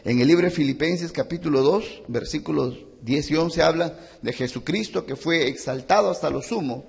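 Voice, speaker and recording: A man's voice: on the high side, moderate pace, vocal fry, darkish tone, long reverb tail. A man preaching a sermon as a pastor, impassioned and repeating phrases for emphasis. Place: church.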